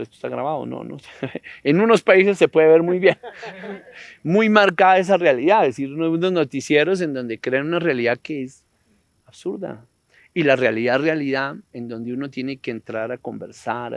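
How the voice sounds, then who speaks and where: A man speaks on a discussion panel in a thoughtful, philosophical tone, with a slightly gravelly voice. He wanders into digressions and often throws in rhetorical questions. The sound is dry and close, with no room echo. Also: mid-range voice. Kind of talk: reflective panel talk.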